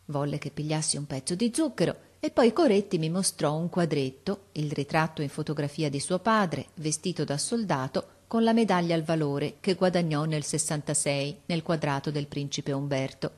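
A woman reading a story aloud in a calm, measured storytelling manner. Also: deep voice. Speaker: narrator. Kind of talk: scripted narration.

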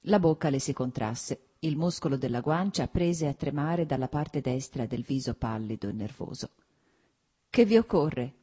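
A woman narrating a classic novel as an audiobook, in an expressive, measured reading. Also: a bass voice, husky.

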